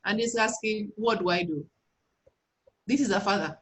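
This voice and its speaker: A woman's voice: mid-range voice, normal speed, low-quality recording. A woman moderating a webinar Q and A, reading out questions and encouraging the speakers. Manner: warm, encouraging, reads out questions. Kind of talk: hosting a Q and A session.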